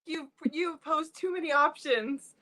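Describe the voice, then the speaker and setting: Very high-voiced, giggly young woman. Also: measured pace, crowd noise. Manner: giggly, swearing. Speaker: podcast co-host. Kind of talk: casual chat on a live show.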